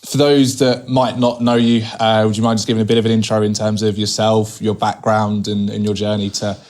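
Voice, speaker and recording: A man's voice: fairly low pitch, flat delivery, brisk, darkish tone. A man hosting a podcast interview at a trade fair, friendly and stumbling a little as he asks his questions. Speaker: podcast host.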